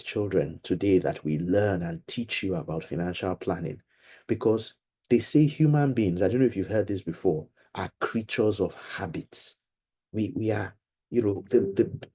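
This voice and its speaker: A middle-aged man leading an online money seminar for children, explaining patiently and slowly over a video call. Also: lowish voice, dark tone, breathy edge. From Nigeria. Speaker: financial literacy seminar leader.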